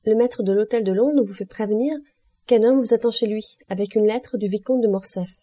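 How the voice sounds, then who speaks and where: A woman's voice: medium pitch, brisk, dark tone, close to an everyday voice. A woman voicing a formal, deferential male servant delivering a message, in an audiobook.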